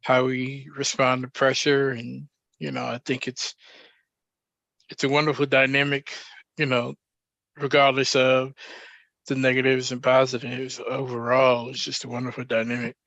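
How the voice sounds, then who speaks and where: A man hosting a podcast, speaking in a reflective, measured way with frequent pauses and fillers. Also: mid-range voice, completely flat delivery, gravelly, fairly bright tone, no echo, highs cut off. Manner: reflective, measured, thinking aloud with many fillers. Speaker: podcast host. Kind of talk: casual podcast discussion.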